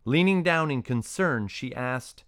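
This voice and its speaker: A man narrating a children's story in an even, descriptive way. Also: medium pitch, measured pace, dry recording, studio quality.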